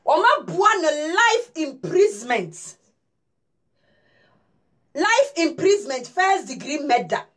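Woman vlogger from Ghana, chatty and emphatic, talks straight to viewers, lively higher voice. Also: takes it slowly, long pauses. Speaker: news vlogger. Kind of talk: casual news commentary to viewers.

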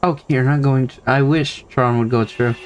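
A man's voice: medium pitch, steady tone, normal speed, highs cut off, slight background noise. A man casually commenting on a video game as he plays, easily frustrated and swearing often. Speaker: let's play gamer.

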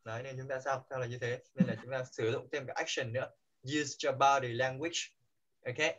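A man with a Vietnamese accent teaching English pronunciation in a classroom, coaxing the students and modeling words loudly for them to repeat. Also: mid-range voice, fairly even intonation, moderate pace, highs cut off.

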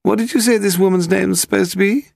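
A man reading an audiobook voicing a frail, sharp-tongued aristocratic woman in her eighties with a high, imperious voice. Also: fast talker, gravelly, no room sound, clean studio sound. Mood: dismissive. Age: 80s.

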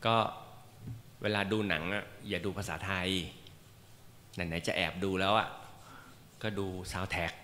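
A man with a somewhat low voice gives an informal lecture to a class, chatty and joking, with plenty of fillers. His voice rings with the long reverb of a hall, and a faint hiss of noise sits underneath. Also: steady tone, slow pace, pauses often, sharp tone. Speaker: meditation teacher.

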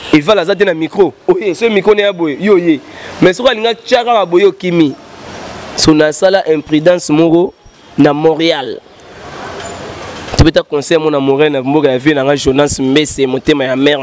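Fairly high-pitched, with a little hiss or hum on the audio, a musician in his thirties recounts rambling stories in an animated interview. He mixes French and Lingala quickly, gestures broadly, and speaks into a handheld mic held by the interviewer at an outdoor set with a painted backdrop.

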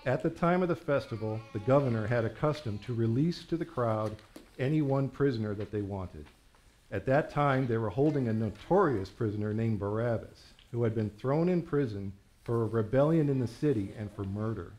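A man giving a measured, reverent scripture reading in church. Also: medium pitch, darkish tone, a little hiss or hum. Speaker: scripture reader.

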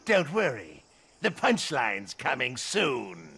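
An actor playing a gleeful, mocking villain clown with sadistic wit and a theatrical, teasing delivery in a video game. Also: male voice, medium pitch, wildly swooping pitch, slow, background noise, exaggerated voice. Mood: sly menace. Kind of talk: video game character dialogue.

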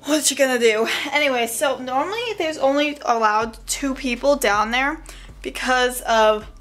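A woman's voice: high voice, normal speed, a bit bright. Giggly young woman vlogging casually. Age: young adult. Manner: rambling, many fillers like "like" and "yeah", giggly. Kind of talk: casual vlog chat. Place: dorm room, then a small campus gym. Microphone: phone or camera set up nearby.

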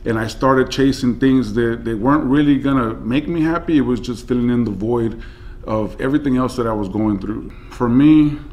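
A man in his forties, a senior supervisor, speaking in a measured, reflective way in a seated office interview. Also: medium pitch, a little mellow. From United States. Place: office with flag and plant.

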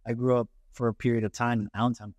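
In a dry recording, a young man's mid-range, darkish voice stays level as he hosts a podcast. Set in a bright office with a lounge area, the casual interview has him posing meandering, hesitant questions full of filler words.

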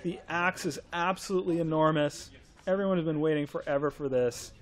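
A man's voice: fairly high pitch, a little fast. A man hosting a game livestream, enthusiastically presenting new skins and laughing often. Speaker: livestream host. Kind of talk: excited game update showcase.

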